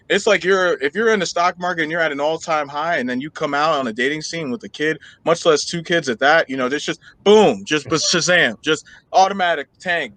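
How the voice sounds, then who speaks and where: A man's voice: on the high side, sharp tone, no echo. A man in his thirties co-hosting a podcast, talking bluntly and emphatically and often checking for agreement. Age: 30s. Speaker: podcast co-host. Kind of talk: casual opinion chat.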